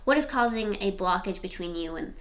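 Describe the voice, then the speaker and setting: A woman in her twenties gives a casual, rambling tarot reading at home, seated in front of the camera, chatting away and repeating her questions while she shuffles. Her medium-pitched voice is animated, brisk and fairly bright. The recording is low quality.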